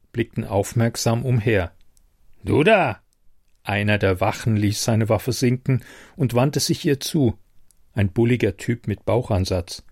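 A man narrating a story in a measured, steady audiobook reading. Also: mid-range voice, no echo, studio quality.

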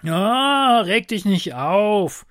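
A man reading a story aloud, voicing Sally, a small, boastful and cheeky male kobold in a high, excitable, wheedling voice. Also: extremely slow, dry recording, clean studio sound, exaggerated voice.

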